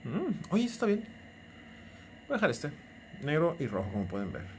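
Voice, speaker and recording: A young Mexican man talks through a casual tech tutorial in a bouncy, animated voice that swings up and down a lot. He sits a bit higher than most men and keeps teasing the viewer in a joking, chatty way. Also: moderate pace, a little hiss or hum. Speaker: tech YouTuber.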